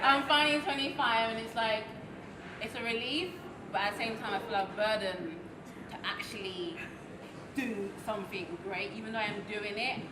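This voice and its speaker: A woman's voice: medium pitch, noisy background. Chatty woman in her twenties. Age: 20s. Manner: chatty, candid, confiding. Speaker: vlogger. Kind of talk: casual chat to camera. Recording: roomy echo.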